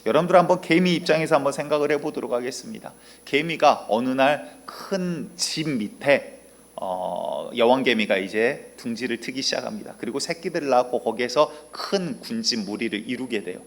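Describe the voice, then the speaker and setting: Male pastor chatting through a sermon, mid-pitched voice, lots of little pauses. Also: expressive, gravelly. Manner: conversational storytelling with frequent fillers.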